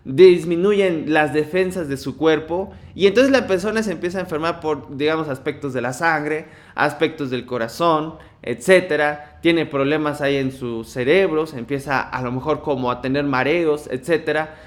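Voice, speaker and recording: A man's voice: fairly high pitch, moderate pace, few pauses. A man, explaining at length on a talk show in a rambling way with many hedges.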